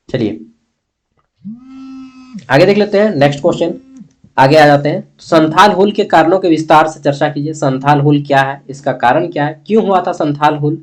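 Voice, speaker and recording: A man with a mid-range voice and a Bihar-Jharkhand accent from eastern India gives an informal exam-review history lesson. He's a blunt teacher with firm opinions who keeps checking with his listeners.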